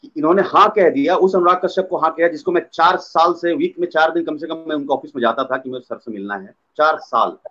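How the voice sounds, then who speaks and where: A man, an actor, telling animated stories in a casual interview and slipping into imitations of others. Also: on the high side, fast talker, few pauses, muffled recording. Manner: lively, slips into imitating others.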